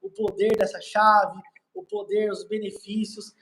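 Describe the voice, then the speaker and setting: A man's voice: sits high, little pitch movement, a little slow, fairly bright tone, poor audio. A man with a Brazilian accent, a pastor preaching on a live stream in an emphatic, repetitive way.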